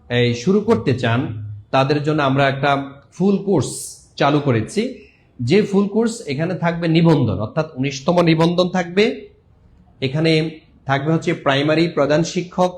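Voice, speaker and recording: A man's voice: a little high, a little hiss or hum. A man teaching an exam-prep lesson, repeating words and chanting memory tricks. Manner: lively, sing-song mnemonics, repeats words.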